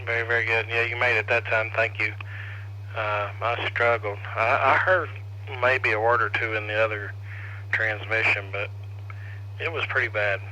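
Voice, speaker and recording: A man's voice: on the low side, level tone, moderate pace, bright, forceful tone, low-quality recording. A man hosting a ham radio net as controller, casually calling for check-ins and passing turns. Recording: faint noise on radio net audio.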